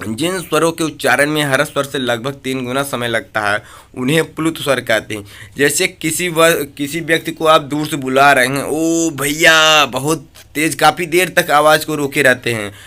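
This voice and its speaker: A man's voice: on the high side, moderate pace, pushed and bright. A man teaching an exam-prep grammar lesson, asking questions and answering them himself while drawing out vowel sounds to demonstrate. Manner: drills with repeated questions and answers.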